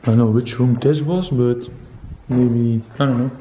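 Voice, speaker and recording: A man in his twenties explores the empty rooms and basement of an abandoned house at night, filming on a handheld camera held at arm's length. His mid-range voice is dark and fairly even at a moderate pace, full of slangy exclamations aimed at viewers. The rough recording has slight background noise.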